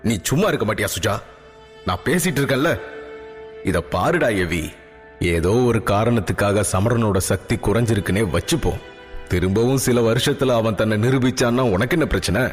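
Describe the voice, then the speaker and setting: A man voicing a middle-aged king father who speaks low, calm and soothing. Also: normal speed, big-room sound, soft background music, close to an everyday voice.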